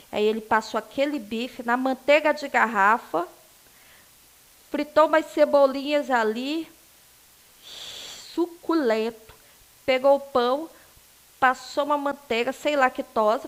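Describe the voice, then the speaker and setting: High-voiced chatty Brazilian teacher woman. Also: a bit bright. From Northeast Brazil. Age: adult, married. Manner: chatty, digressive, teasing asides to students. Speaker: English teacher. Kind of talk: recorded online class.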